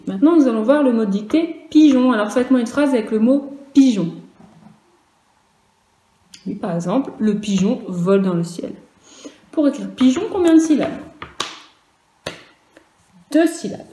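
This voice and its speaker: A woman teaching first graders in a recorded online class, sounding out each syllable and letter clearly and patiently, and now and then speaking to the parents. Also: fairly high pitch, expressive, moderate pace, long pauses, mellow, reverberant, a little hiss or hum. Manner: speaks to children and parents in turn. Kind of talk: recorded virtual class lesson.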